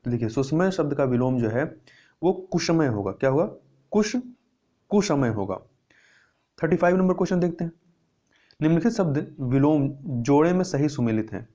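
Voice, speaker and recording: A man's voice: mid-range voice, lively intonation, normal speed, pauses often, warm tone. A man teaching Hindi grammar, going through test answers and repeating words to stress the correct spelling.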